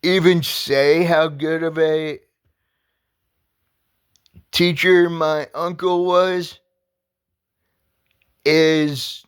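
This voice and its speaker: A man talking casually on his own vlog, halting and rambling with many restarts, earnest and heartfelt. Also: fairly high pitch, flat delivery, smooth. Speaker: vlogger. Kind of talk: casual personal vlog talk.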